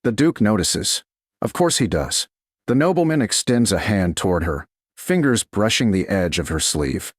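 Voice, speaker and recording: A man with a low voice reads a romantic tale from a script, slow and measured, with a sing-song pitch that rises and falls through brief dramatic phrases. The sound is close-miked and dry, free of room noise.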